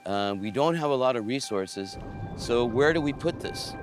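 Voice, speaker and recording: A man speaking unscripted in an interview, conversationally, pausing to search for words as he explains. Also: medium pitch, animated, music in the background. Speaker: marine conservation interviewee.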